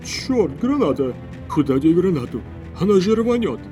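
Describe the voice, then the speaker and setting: A man voicing a panicky young male gang member who shouts in a shrill, frantic voice. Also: very animated, a little slow, soft background music.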